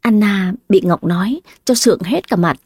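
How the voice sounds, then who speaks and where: Brief: woman narrator, mellow tone, dry close sound. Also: medium pitch, moderate pace, slightly rough, dry recording. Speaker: storyteller. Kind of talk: dramatic story narration.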